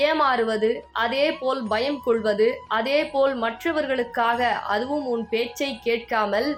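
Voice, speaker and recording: A woman delivering a devotional message in the goddess's voice, earnest, scolding and pleading as she addresses the listener as her dear child. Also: high voice. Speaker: devotional speaker.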